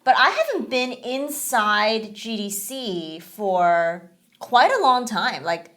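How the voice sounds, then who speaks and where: With a fairly high, slightly bright voice that swings widely in pitch, a woman speaks slowly as co-host of a gaming podcast. Her casual chat is chatty and rambling, packed with fillers such as "you know."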